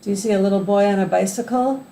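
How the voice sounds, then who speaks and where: An older woman, a sweet old lady, reads a picture book aloud to a child in a gentle, unhurried way, as a grandmother would. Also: medium pitch. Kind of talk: read-aloud storytelling with asides to a child. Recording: roomy echo, faint background noise.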